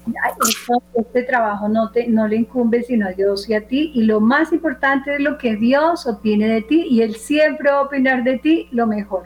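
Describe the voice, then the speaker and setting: A woman hosting a faith program, earnestly coaxing listeners through a self-examination and listing traits with many pauses. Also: fairly high pitch. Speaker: host. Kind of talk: guiding a reflective faith exercise. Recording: dull muffled sound with faint hum.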